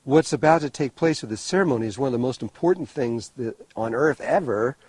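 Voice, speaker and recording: A man recounts a long personal story, rambling and animated, restarting his sentences as he goes. His voice is husky and mellow, at an ordinary pitch. The sound is dry and close. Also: brisk, no echo, rough recording. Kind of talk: storytelling talk.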